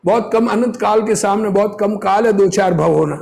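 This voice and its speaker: He speaks at normal speed in a high, creaky, slightly mellow voice. Reading and explaining a religious discourse, this teacher gives an informal sermon full of repeated phrases and rhetorical questions.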